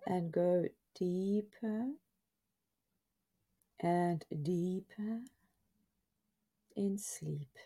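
A woman narrates a scripted guided relaxation in a soft, breathy half-whisper, soothing and hushed, with drawn-out phrases and pauses. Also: on the low side.

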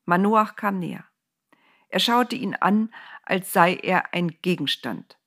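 Woman, storyteller, playful, lowish, husky, children's Bible story. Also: expressive, slow pace, fairly bright tone.

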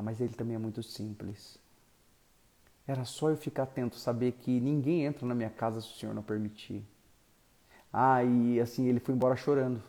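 A male pastor, telling a story in an animated sermon that swings from loud to soft. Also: medium pitch.

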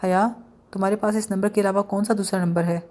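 A woman's voice: medium pitch, fairly even intonation, a little mellow, natural voice. A woman voicing a stern, angry older uncle who scolds his niece on the phone. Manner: harsh, scolding.

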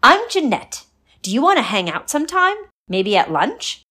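A woman voicing a playful schoolgirl dressed as a ghost, who booms spooky threats loudly before turning friendly and bubbly. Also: big pitch swings, moderate pace, breathy edge, full character voice.

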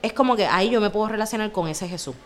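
A woman's voice: mid-range voice, racing. A young adult woman, co-hosting a casual faith chat podcast and acting out quoted voices as she talks. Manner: animated, acts out quoted voices. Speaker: podcast co-host.

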